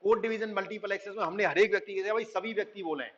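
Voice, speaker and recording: A man with a slightly raised voice gives a recorded lecture, explaining step by step and reading English lines from slides slowly. He keeps checking understanding as he goes. The sound is dull and muffled. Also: high voice. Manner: explains in Hindi, reads English lines slowly, frequent "thik hai" checks.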